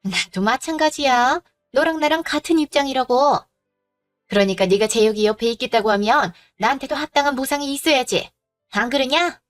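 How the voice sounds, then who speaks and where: A greedy, domineering middle-aged mother-in-law snaps and makes demands in a pitched-up, condescending voice, as a woman acts her out. She talks down to everyone around her. Soft music plays beneath the audio drama. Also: moderate pace, close to an everyday voice. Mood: demanding. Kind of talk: Korean audio drama acting.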